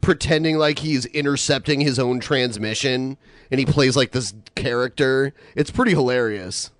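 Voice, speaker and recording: A man's voice: medium pitch, normal speed, no room sound. A man in his late thirties hosting a casual podcast chat, laid-back and crude, often laughing. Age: 30s. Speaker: podcast host.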